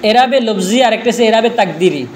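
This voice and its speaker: A man's voice: sits high, animated, a little fast, slight background noise. A man teaching a grammar lesson, drilling his students with repeated questions and answers, speaking.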